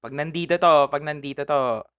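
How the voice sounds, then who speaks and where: A man's voice: a little high, normal speed, fairly bright tone, slight background noise. A man from the Philippines live-streaming a horror game, chatting casually with viewers, laughing a lot and yelping when startled.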